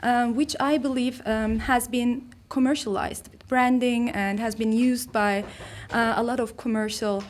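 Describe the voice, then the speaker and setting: A woman's voice: a little high, fairly even intonation, measured pace. Woman giving a talk. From Turkey. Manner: hesitant, many fillers and restarts. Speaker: artist and researcher giving a talk. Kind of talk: conference talk.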